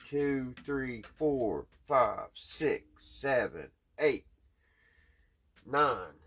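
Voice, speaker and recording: With a lowish, slightly bright voice, a Southern US man narrates his radio restoration work for his vlog. He muses aloud in a folksy, hesitant, easygoing manner while doing hands-on repairs.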